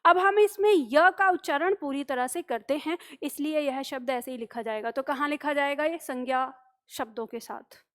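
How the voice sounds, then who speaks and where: A woman's voice: high voice, moderate pace, a bit bright. A woman teaching a grammar lesson, patiently explaining rules, repeating example words and checking in with her students.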